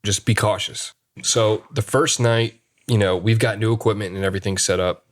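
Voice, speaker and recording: A man's voice: on the low side, steady tone, a little fast. A man speaking as a paranormal investigator, giving a plain-spoken, matter-of-fact account in a casual conversational style. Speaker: paranormal investigator, podcast guest.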